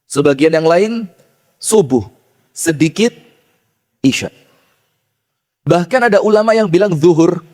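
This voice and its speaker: A man preaching a sermon, telling stories with lively rhetorical questions to his audience and chanting verses slowly. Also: high-pitched. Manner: slow chanted Quran recitation. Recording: long hall reverb.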